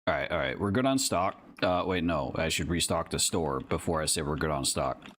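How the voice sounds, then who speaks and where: A man's voice: a bass voice, expressive, brisk, fairly bright tone. A young man streaming a game, chatting casually with a friend, swearing and laughing easily. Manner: laughing, loose, swears a lot. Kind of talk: casual gaming chat. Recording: faint background noise.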